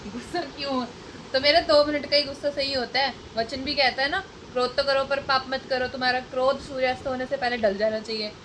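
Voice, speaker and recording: A young woman with a bright, high-ish voice chats with her partner and viewers in a casual home vlog. She teases and laughs through the banter. A faint room ambience sits behind her. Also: steady tone, a little fast, a little hiss or hum, low-quality recording. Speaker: vlogger. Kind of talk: casual couple vlog chat.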